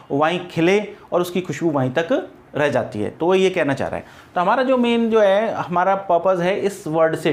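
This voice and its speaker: High-voiced man teaching English grammar. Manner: spells words out letter by letter and drills pronunciation. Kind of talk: exam-prep grammar lesson.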